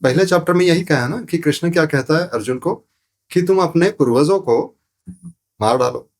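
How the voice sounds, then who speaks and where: A male sound therapy teacher, interviewed on a podcast, gives an explanatory talk on spirituality at a moderate pace. His voice is on the high side. He leans on repeated phrases and rhetorical questions in a didactic manner.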